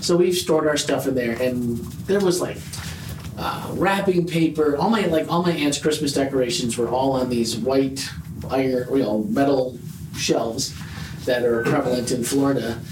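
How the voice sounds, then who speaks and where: A man's voice: medium pitch, normal speed. A man from Wisconsin telling a story in casual chat at a group meeting, acting out what people said. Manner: animated, acts out dialogue. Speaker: church group member. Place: meeting room. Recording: echoey room with faint noise.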